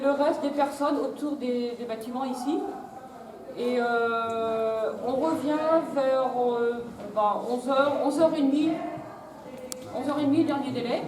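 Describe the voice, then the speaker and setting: A woman giving an informal, hesitant, improvised briefing to a group of volunteers as their organiser. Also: high-pitched. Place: large echoey room with volunteers. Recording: echoey, noisy room from far off.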